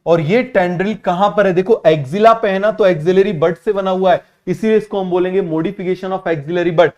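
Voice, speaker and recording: Higher-voiced man drilling a biology class. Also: darkish tone, highs cut off. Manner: repetitive, keeps asking students to answer quickly; drills terms by repeating them slowly. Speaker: teacher. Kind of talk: online biology lesson.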